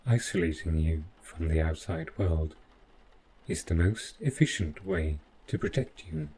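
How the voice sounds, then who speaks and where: A man performs a deep-voiced male robot butler for an audio roleplay, speaking to the listener in a cold, clinical mood. His delivery is very slow and formal, devoted and possessive with a calm menace. The recording is rough, with faint noise behind the voice.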